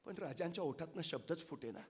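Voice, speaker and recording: A man's voice: on the high side, lively intonation, a little fast, long reverb tail. A man giving an impassioned public speech full of dramatic storytelling. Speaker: public speaker. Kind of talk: oration.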